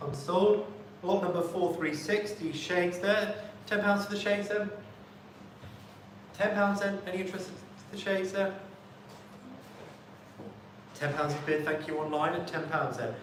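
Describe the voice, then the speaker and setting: This auctioneer's voice is high-pitched and a little slow as he courteously calls lots and chants the bids back at a live sale. The mic sits far away in a very echoey room, with faint background noise.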